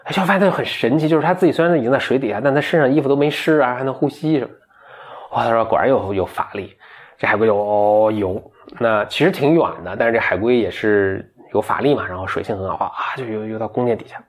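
A man casually retelling a folktale in a relaxed, chatty way, with many fillers and restarts. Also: mid-range voice, fast. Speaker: storyteller.

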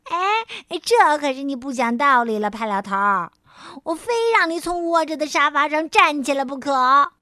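Casting note: impish young tomcat from a storybook, a woman doing it, very high, bright and sharp, playful and wheedling, dry close sound. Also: very animated, normal speed, dry recording, full character voice. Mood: coaxing defiant. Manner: playful, wheedling, bursts into loud cries. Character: mischievous, cheeky young male cat. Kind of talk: children's storybook reading.

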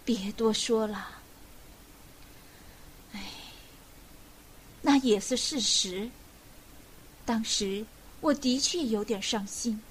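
A woman voicing a gruff old grandfather. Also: fairly high pitch, takes it slowly, long pauses, slight background noise. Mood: rueful. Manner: gruff, scolding, then gently soothing. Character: grumpy old grandfather, quick-tempered. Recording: echoey room with long reverb.

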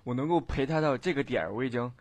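A man's voice: medium pitch, fast talker, no echo. A man chatting in a voice chat room, crude and mock-sulky. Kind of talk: casual chat.

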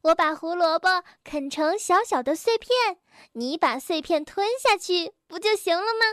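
A woman's voice: very high voice, animated, normal speed, fairly bright tone, no echo, studio quality. A woman voicing a cheerful young male rabbit with big buck teeth, eager and full of ideas. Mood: chirpy.

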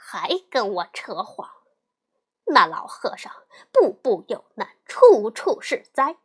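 A woman storyteller puts on a cocky male monkey king from a storybook, full of scorn and threats. He talks slowly and grandly. His pitch leaps up and down and sits a little high. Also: very animated, pushed and bright, full character voice. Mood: scornful. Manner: swaggering, threatening, scornful sneers. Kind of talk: storybook character voice.

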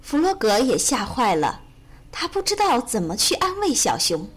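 A woman storyteller reading a children's storybook aloud in a gentle, expressive way. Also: a little high, normal speed, breathy edge. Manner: gentle, expressive, sing-song.

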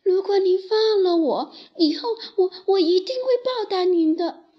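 A woman's voice: high voice, lively intonation, slow, muffled recording, voice pushed up. A woman voicing a tiny timid mouse in a children's story, stammering and trembling. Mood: frightened begging.

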